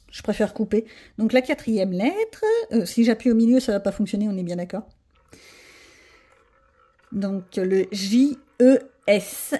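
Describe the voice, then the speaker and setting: Chatty woman with a husky voice. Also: a little high, warm tone. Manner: chatty, thinks aloud, self-mocking. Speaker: coloring vlogger. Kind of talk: casual chat while coloring.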